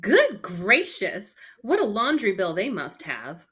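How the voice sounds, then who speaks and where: A woman playing an excitable, inquisitive lady companion to a detective in a live radio mystery script reading. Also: mid-range voice, slow, slightly rough, full character voice. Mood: curious, startled.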